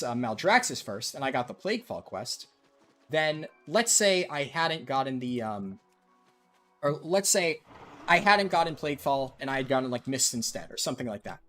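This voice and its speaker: This American man is livestreaming a game and chatting casually with his viewers, filling his speech with lots of ums and likes. His voice sits a little high and has a fairly bright tone.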